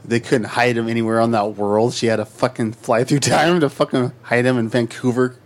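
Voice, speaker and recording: A man's voice: medium pitch, fairly even intonation. Man tossing in sarcastic quips. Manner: quick sarcastic interjections, profane. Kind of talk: casual movie recap chat.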